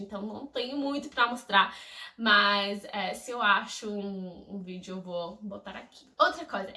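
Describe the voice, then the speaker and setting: A young Englishwoman, a native English speaker, chats casually to camera in a bright, mid-range voice, telling stories in a lively, gushing, effusive way. The mic sits back from her, so the recording sounds distant and echoey.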